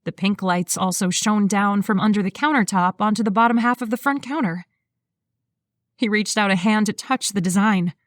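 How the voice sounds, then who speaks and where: A woman narrating a sweet romance novel, her delivery steady and smooth. Her voice sits in a middle pitch, recorded close and dry with no room sound. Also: normal speed, dry recording. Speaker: audiobook narrator. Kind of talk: scripted narration.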